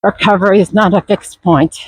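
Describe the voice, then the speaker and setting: A runner talking while out running, reflecting in a motivational vlog in short, broken, unscripted phrases with pauses. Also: medium pitch, fairly even intonation, slightly rough, dry recording, low-quality recording. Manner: reflective, halting, unscripted delivery. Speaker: runner vlogging.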